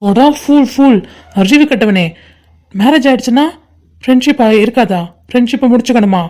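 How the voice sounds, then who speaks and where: A woman's voice: a little high, a little fast, a little mellow, close to an everyday voice. A woman voicing a loyal young man in a cartoon, consoling his best friend and scolding him with affection. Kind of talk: cartoon voice acting.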